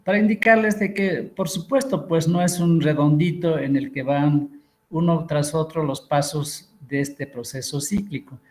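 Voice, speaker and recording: Man lecturing on a video call. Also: fairly high pitch. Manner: explanatory, with frequent pauses and fillers. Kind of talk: online biochemistry lecture. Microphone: computer mic on a video call.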